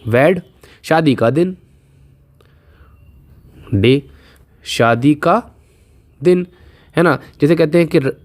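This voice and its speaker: Patient man teaching spelling tricks. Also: on the high side. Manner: patient, repeats questions and answers, slows to spell out letters. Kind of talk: casual Hindi video lesson with memory tricks.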